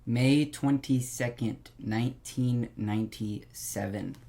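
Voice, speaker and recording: A man speaks as a caller giving short answers to an automated system. His pitch is average and he talks slowly. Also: dark tone.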